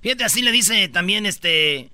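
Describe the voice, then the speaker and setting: A man's voice: high-pitched, lively intonation, a little slow, pushed and bright, no echo. A man hosting a comedic Mexican radio show, joking in slangy talk and acting out the people in his stories. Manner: jokey, slangy, acts out voices in quotes. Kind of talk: comedic radio countdown chat.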